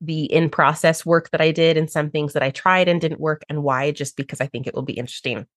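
A woman's voice: steady tone, fairly quick, no room sound, studio quality. A woman hosting a podcast as a brand strategist and designer, explaining her process with enthusiasm and acting out her clients' reactions. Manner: enthusiastic, explanatory, acts out clients in high voices. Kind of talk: podcast conversation.

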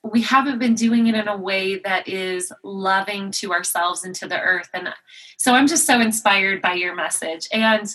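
A woman hosts a podcast interview in a medium-pitched, sharp-toned voice, gushing with enthusiasm. She stops and restarts often and fills the gaps with fillers. The recording is rough.

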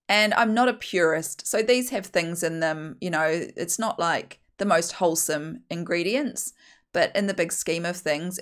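A woman with a broad New Zealand accent hosting a casual solo podcast in a blunt, opinionated, emphatic way. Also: on the low side. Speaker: podcast host.

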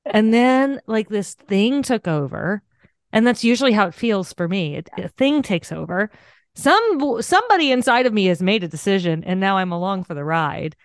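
Speaking at normal speed with a medium pitch and clean tone, a female podcast host and coach tells animated, self-deprecating stories about her life in a casual interview, laughing frequently. It's a dry, studio-quality recording.

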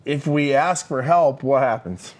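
On a casual leadership podcast, a male co-host delivers energetic, emphatic coaching, checking in with "right?" again and again and using lots of fillers. He has a mid-range voice and a measured pace.

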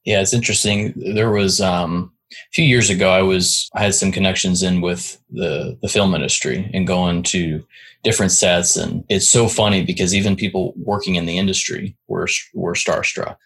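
A man hosts a relaxed interview in a very deep voice with a husky edge. He circles his points, restarts sentences and keeps checking in with "right?" The tone stays conversational throughout. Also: moderate pace. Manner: rambling, many restarts and "right?" tags. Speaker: podcast host.

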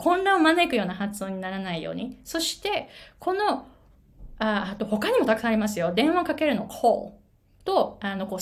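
Woman, pronunciation coach, lively pitch, somewhat high voice. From Japan. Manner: animated storyteller, switches between Japanese and English. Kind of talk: casual video lesson with a personal story.

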